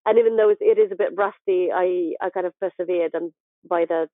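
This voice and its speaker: Fairly low in pitch with fairly even intonation, this young southern Ukrainian woman talks a little fast as a guest in a casual interview. Her speech is hesitant, full of fillers and restarts, over a dry, phone-like line with no room sound.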